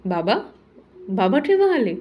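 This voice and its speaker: A woman voicing a blunt young adult son in a storybook reading, speaking in a slow, drawn-out teasing way. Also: mid-range voice, sing-song, highs cut off. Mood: surprised.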